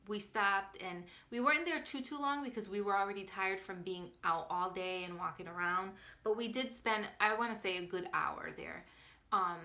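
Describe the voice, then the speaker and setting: A young woman hosts her own crafting vlog, talking straight to her viewers. Her voice is bright and forward at a middle pitch. She rambles in a loose, casual way and often stops to restart a sentence. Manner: chatty, rambling, with many restarts and fillers. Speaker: knitting podcast host.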